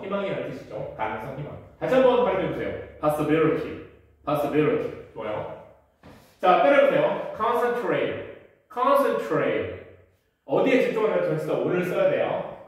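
A man's voice: high-pitched, far from the mic. A man teaching an English vocabulary lesson, spelling words out letter by letter and having students repeat after him. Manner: talks to students, asks them to repeat; self-mocking when he gets confused. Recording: very echoey room, voice from away from the mic.

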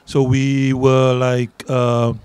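A medium-pitched, monotone voice with drawn-out words belongs to a middle-aged South African union leader with an Afrikaans accent. Answering interview questions earnestly at an outdoor garden event, he repeats words for emphasis into a handheld mic. The sound is a little mellow, clear and resonant, with no echo.

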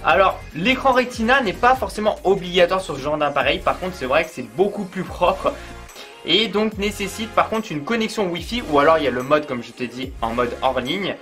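A man's voice: high voice, expressive, fairly quick, sharp tone, faint music behind. Chatty man reviewing a gadget. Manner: chatty, many fillers, addresses viewer informally. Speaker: product reviewer. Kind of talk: casual unboxing review.

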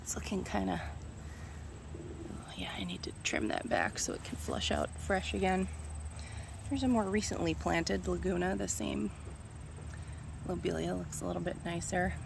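A woman's voice: lowish voice, animated, moderate pace, vocal fry, pauses often. A woman from Minnesota giving a casual walking tour of her summer garden, musing aloud and often unsure of plant names, filmed on a handheld phone. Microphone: phone camera held while walking. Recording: outdoor recording with loud insect noise. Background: crickets and insects.

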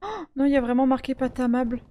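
Chatty woman streamer with a slightly high voice. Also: flat delivery, very fast, mellow. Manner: chatty, many hesitations, laughs often. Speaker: gaming channel host. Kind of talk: casual gameplay chat with friends.

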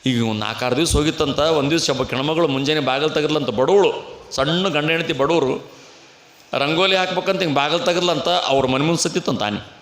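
A man's voice: on the high side, a little fast. A man, a swami with a North Karnataka Kannada accent, giving a humorous storytelling sermon and acting out the characters, at an outdoor village fair. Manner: lively storytelling, acts out the characters. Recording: echoey fair loudspeaker, long reverb.

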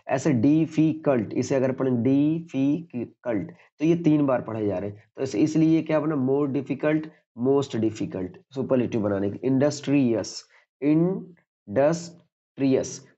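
A man's voice: mid-range voice, mellow, highs cut off. A man teaching a grammar lesson, who keeps repeating points and asks questions he answers himself.

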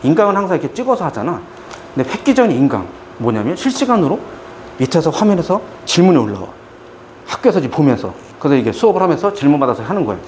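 A man's voice: on the high side, big pitch swings, quick pace, darkish tone, a little hiss or hum. A middle-aged man teaching math to students in a classroom, chatty and joking as he tells stories between explanations. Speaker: math tutor. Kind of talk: lecture with storytelling asides.

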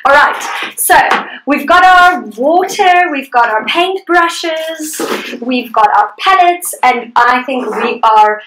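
A woman's voice: sits high, expressive, slow pace, background noise. A young woman leading a live guided painting class over a video call, chatty and upbeat, laughing often. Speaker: art instructor. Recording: echoey room.

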